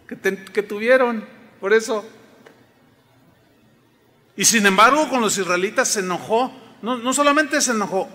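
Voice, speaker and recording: High, bright-voiced pastor preaching. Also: male voice. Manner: emphatic, often asks the congregation questions. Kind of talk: sermon. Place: church sanctuary. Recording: long reverb of a large hall.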